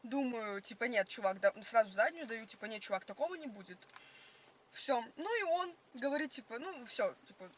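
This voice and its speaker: A woman's voice: fairly high pitch, expressive, normal speed, slight background noise. A young woman telling stories in casual, slangy chat full of filler words, recorded inside a car. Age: young adult. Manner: slangy, filler-heavy storytelling. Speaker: passenger being interviewed.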